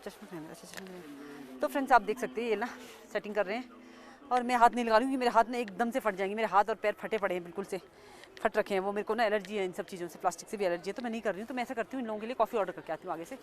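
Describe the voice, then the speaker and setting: A woman's voice: medium pitch, racing. A woman with an Indian accent, chatting casually to viewers as she vlogs through a market street, filming on her phone without a mic. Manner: chatty, repeats herself, points things out to viewers. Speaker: vlogger. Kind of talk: casual vlog narration. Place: outdoors in a busy market street. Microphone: phone camera without external mic. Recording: crowded outdoor street noise. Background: crowd and passing vehicles.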